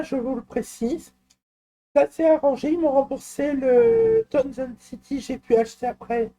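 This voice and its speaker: Here a tutorial presenter, a man whose voice is very high, walks through software on a screen recording. He explains things hesitantly, often using fillers, starting over, and dropping in personal remarks.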